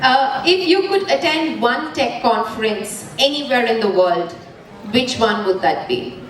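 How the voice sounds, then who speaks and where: A woman with an Indian accent hosts a live event, putting short questions in a high voice. She is heard from a distance in a very echoey hall. There is clear noise behind her. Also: lively intonation, measured pace. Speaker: event host. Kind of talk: asking rapid-fire questions.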